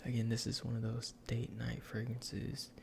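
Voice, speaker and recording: A man in an ASMR role-play as a salesman, speaking in a breathy, gravelly soft voice with informal, hesitant explanations. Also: medium pitch, monotone, moderate pace, a little hiss or hum. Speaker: ASMR performer playing a cologne salesman.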